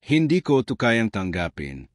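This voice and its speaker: Scared young village guy doubting himself, read by a man, low voice, lots of rise and fall. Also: big pitch swings, unhurried, no echo, clean studio sound. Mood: despairing.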